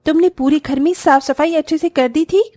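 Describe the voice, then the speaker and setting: A harsh, commanding sister-in-law, put on by a woman storyteller, barking orders in a high, sharp voice. The recording is close and dry, with no room sound. It suits an animated family storybook. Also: normal speed, no echo, close to an everyday voice. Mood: scolding. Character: bossy domineering young sister-in-law, scolding.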